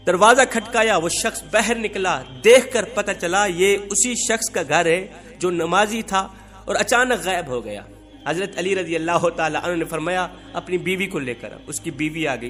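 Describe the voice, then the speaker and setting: A man's voice: fairly high pitch, a bit bright. A male preacher telling a moral story in an emotional sermon with repetitive, dramatic phrasing. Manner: repetitive, rising dramatic delivery.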